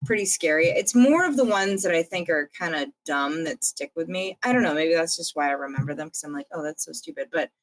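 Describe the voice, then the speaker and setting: A podcast co-host with a low-pitched, animated voice chats casually, talking briskly with few pauses. She sounds hesitant and uses many fillers, and the audio quality is poor.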